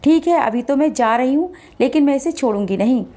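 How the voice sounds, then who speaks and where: A woman's voice: sits high, expressive, brisk, mellow. A woman voicing a vengeful, possessive female spirit who speaks through a man and threatens the people around her. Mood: defiant. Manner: threatening, commanding.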